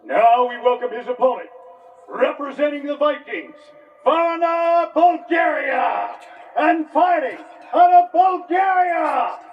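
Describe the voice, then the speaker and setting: A man working as a ring announcer, calling out fighters with booming, drawn-out shouted names. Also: far from the mic, highs cut off, slight background noise. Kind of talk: fight introductions. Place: arena. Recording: echoey arena PA from afar.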